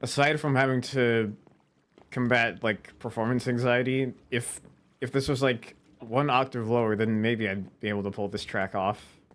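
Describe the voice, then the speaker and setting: A man giving casual let's-play commentary in an easy, mid-pitched voice. He chats to himself as he plays, conversational and unhurried. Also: steady tone, a bit bright. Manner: chatty, talking to himself as he plays. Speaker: gaming video creator.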